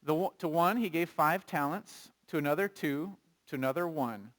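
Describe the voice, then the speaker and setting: A pastor preaching a sermon, conversational and animated, asking the congregation questions and reading scripture aloud. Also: male voice, a little high, moderate pace.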